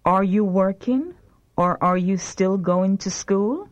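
A woman reads phrasebook sentences for a language course at a very slow, carefully enunciated pace. Her pitch sits in the middle range. The sound is dull and lo-fi, like an old lesson tape. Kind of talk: slow scripted phrasebook drill.

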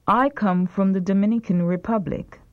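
A woman's voice: mid-range voice, steady tone, moderate pace. A woman reading phrasebook lines for a language course, carefully enunciated. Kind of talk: slow scripted phrasebook drill. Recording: dull lo-fi tape recording.

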